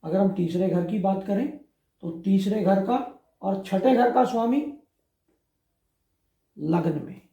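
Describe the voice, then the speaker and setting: Male astrologer, higher-pitched, mellow and slow, measured explainer in an echoey room.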